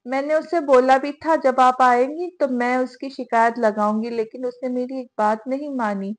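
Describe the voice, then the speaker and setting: A woman reading the lines of a lively, naughty young woman who chatters and complains. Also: sits high, normal speed, lightly acted. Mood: chatty.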